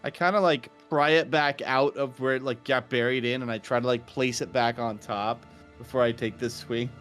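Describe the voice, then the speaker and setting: A man's voice: mid-range voice, fairly even intonation, moderate pace, fairly bright tone, soft background music. A man playing a tabletop role-playing game, talking casually in a hesitant, stammering way as he improvises.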